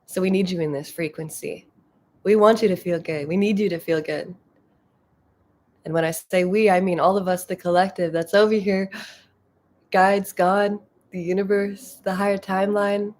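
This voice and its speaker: Animated woman giving a spiritual talk. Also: medium pitch, normal speed. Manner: animated, acts out inner voices, swears casually. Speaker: spiritual coach.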